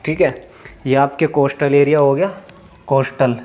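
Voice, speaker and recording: A man teaching a lesson, explaining step by step, asking questions and answering them himself, drawling names slowly as he writes. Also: medium pitch, fairly even intonation, a little mellow. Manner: drawls place names slowly while writing. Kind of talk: classroom lecture at a board. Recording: faint background noise.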